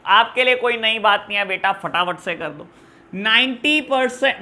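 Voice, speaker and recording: A man's voice: high-pitched, bright, forceful tone. A man teaching an accounts lesson, talking fondly to his students and mixing with terms. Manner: affectionate, calls students "my dear children". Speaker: commerce teacher. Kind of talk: classroom lesson explaining journal entries.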